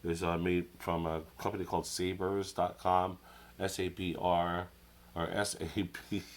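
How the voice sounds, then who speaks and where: A man with a low voice and flat, unhurried delivery does a casual show-and-tell product review at his desk beneath an overhead camera. He's nasal from a cold and rambles hesitantly, using many fillers and restarting sentences.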